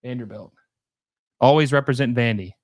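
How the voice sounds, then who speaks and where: Reading out and responding to viewer questions, a young livestream host rambles along with plenty of fillers and restarts. He speaks at a moderate pace in a medium pitch, recorded with studio quality and no room sound.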